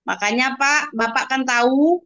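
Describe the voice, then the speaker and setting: A woman's voice: high voice, a little slow, a bit bright, no room sound. A mother telling an interviewer about her child in an earnest testimonial, often calling him "sir" and exclaiming thanks to God. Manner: addresses the listener as "Pak" constantly, with pious exclamations. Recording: dull, lo-fi dry recording.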